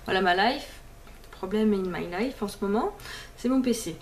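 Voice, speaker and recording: Talking at a moderate pace and medium pitch, this woman is a beauty vlogger rambling on camera about her books and nail polishes. She's chatty, restarts often, leans on fillers, and occasionally drops in English words; a slight hiss or hum is audible.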